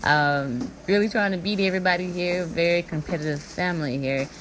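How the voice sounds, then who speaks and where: A woman with a fairly low voice narrates her own food challenge video as casual voice-over commentary, speaking a little fast. She's laid-back and chuckling, and talks with her mouth full. The background is noisy.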